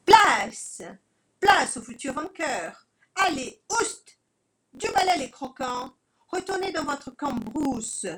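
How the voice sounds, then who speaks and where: A woman's voice: sits high, lively intonation, slow, fairly bright tone, voice pushed up, exaggerated voice. Woman playing a haughty villain rooster. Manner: mocking, haughty, gloating.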